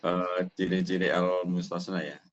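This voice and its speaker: A man reciting grammar rules in an online class, his audio choppy and cutting out as he repeats phrases haltingly. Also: low voice, level tone. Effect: choppy, cutting-out call audio. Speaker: student. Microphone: online voice call. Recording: dull, slightly noisy call line.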